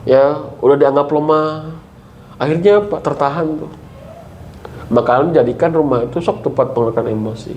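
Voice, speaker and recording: A middle-aged man with a Sundanese accent giving a lively Islamic parenting talk, jumping up in pitch for emphasis and often checking with his listeners. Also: normal speed, slight background noise. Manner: animated, leaps high in pitch for emphasis, asks the audience questions. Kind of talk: lively religious study talk.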